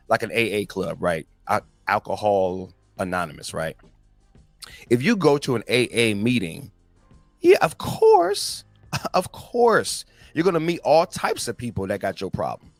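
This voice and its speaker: A man in his forties hosts a podcast, delivering a casual, slangy motivational talk straight to his listeners, whom he calls "guys." His voice is on the low side, recorded with no room sound.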